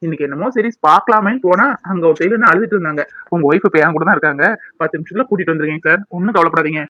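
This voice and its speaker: A man's voice: fairly high pitch, rapid-fire, no echo, dull audio, natural voice. A man voicing a scheming, taunting man in a cartoon, mocking and needling. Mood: smug. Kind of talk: cartoon voice acting.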